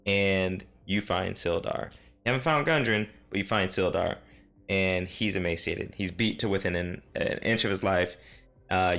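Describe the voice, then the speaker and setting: A man's voice: on the low side, fairly bright tone. A man serving as game master, casually recapping a tabletop session in a rambling, self-correcting way.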